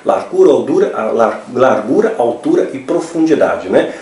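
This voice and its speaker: A man's voice: medium pitch, big pitch swings, moderate pace, darkish tone. A man gives a religious teaching talk, explaining step by step and often checking in with tag questions. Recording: roomy, from a distance.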